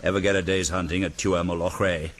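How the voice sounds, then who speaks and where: An actor playing Wellington, a brisk, commanding British general in a period radio drama, clipped, authoritative and volatile. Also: male voice, deep voice, flat delivery, a little hiss or hum, lightly acted. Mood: pleased, genial.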